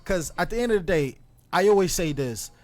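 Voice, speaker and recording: Talking in a casual interview, this young Ghanaian guest, a music producer, is earnest and reflective, often saying um and starting over. He sounds animated and a little fast, with a high-sitting voice and a darkish tone.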